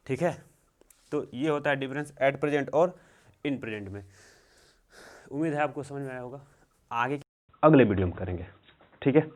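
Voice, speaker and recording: A young man teaching English grammar in a slow, repetitive way, checking in often. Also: medium pitch, lively intonation, darkish tone. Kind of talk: classroom-style grammar lesson.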